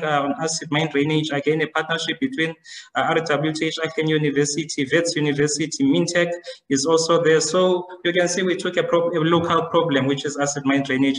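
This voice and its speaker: A man ending his webinar presentation, speaking in an even way with halting uhs. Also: fairly high pitch. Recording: echoey, distant from the mic.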